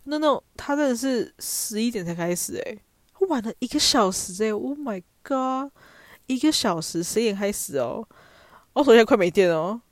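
A woman's voice: fairly high pitch, animated, moderate pace, no room sound. A young woman with a Taiwanese Mandarin accent, telling stories in a chatty, self-mocking way as a podcast host. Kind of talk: casual storytelling monologue.

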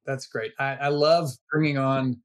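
A man's voice: mid-range voice, fairly even intonation, a little slow. A man hosting a podcast interview, friendly and conversational. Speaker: podcast host.

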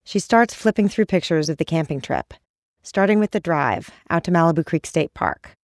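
A woman hosting a podcast, narrating from a script in a measured, calm way. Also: lowish voice, no echo, studio quality. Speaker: podcast host.

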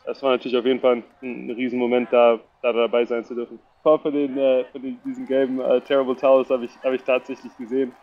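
A man's voice: medium pitch, flat delivery, fast talker, few pauses, dull audio. A young man from Germany, a football player, answering interview questions hesitantly with many fillers and repeated words.

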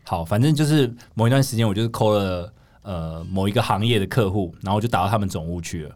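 A man's voice: on the low side, darkish tone. A man with a Taiwanese Mandarin accent, chatting as a podcast co-host and retelling sales calls while mimicking the people he quotes. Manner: rapid, acts out quoted callers. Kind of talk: casual chat, storytelling.

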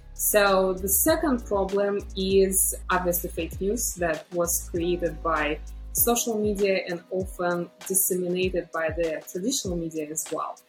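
A woman with a Belarusian accent giving explanatory answers as an interview guest, phrasing things in a measured, deliberate way. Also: fairly low pitch, rough recording. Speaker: interview guest, startup founder.

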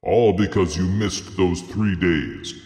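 A man voicing a grand, stern male desert Jinn in a storybook, speaking slowly and weightily in an admonishing way. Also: low voice, a little mellow. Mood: lecturing. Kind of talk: storybook character voice. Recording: roomy echo with long reverb.

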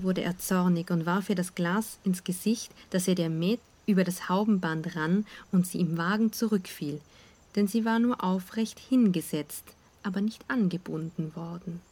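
Woman reading a fairy tale. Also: fairly low pitch. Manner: calm, measured storytelling. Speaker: narrator.

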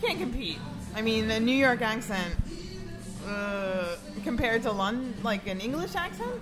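Higher-pitched woman asking questions. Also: lively intonation, a little slow, over music, low-quality recording. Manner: curious, prompting with questions. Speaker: co-host. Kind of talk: casual interviewing.

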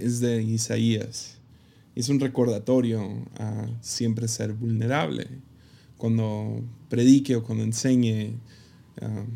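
A man who is a pastor, telling a personal story to camera in a reflective, halting way with many fillers. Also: mid-range voice, gravelly, warm tone. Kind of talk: casual personal testimony to camera.

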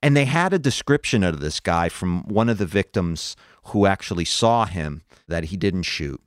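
A man's voice: sits low, animated, normal speed, dry recording, clean studio sound. A man in his fifties hosting a podcast, talking through cases as a conversational true crime narrator.

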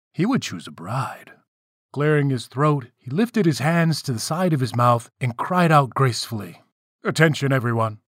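A man's voice: medium pitch, no room sound, studio quality. A man telling a myth in a playful, wry way, with casual asides to the listeners. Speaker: storyteller. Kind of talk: casual storytelling narration of myths.

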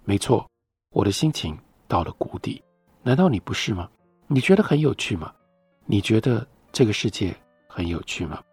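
A man's voice: fairly low pitch, normal speed, husky, dry recording, soft background music, full character voice. A man reading as a weary despairing postwar lover. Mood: resigned. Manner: flat, cold, resigned delivery.

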